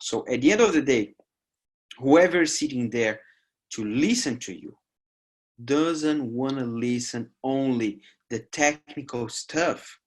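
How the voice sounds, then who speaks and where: A Brazilian man in his forties, a native Portuguese speaker, records a lecture over slides for an online course, framed like a webcam video call. His mid-range voice runs a little slow, yet he stays lively, throwing in emphatic rising asides and frequent "right?" tags.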